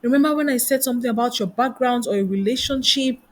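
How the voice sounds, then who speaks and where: A woman with a fairly high voice moves at a quick pace as she teaches a motivational session on careers. She works as a career coach and trainer and leans heavily on rhetorical questions.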